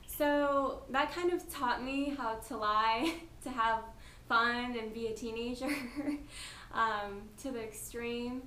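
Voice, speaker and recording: A young woman in her twenties chats through a casting interview, laughing easily and sounding a touch nervous. Her voice is bright and sits a little high. The room is echoey, with a faint hum behind her. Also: fairly even intonation, slow. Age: 20s. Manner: giggly, chatty, slightly nervous. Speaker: reality show applicant.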